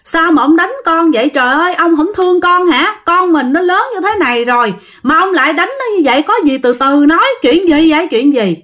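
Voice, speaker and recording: A woman's voice: high-pitched, lively intonation, fairly quick, few pauses, a bit bright, voice pushed up. A woman playing a wailing Southern Vietnamese mother. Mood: distraught. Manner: wailing, pleading, crying out. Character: distraught mother pleading and scolding her son.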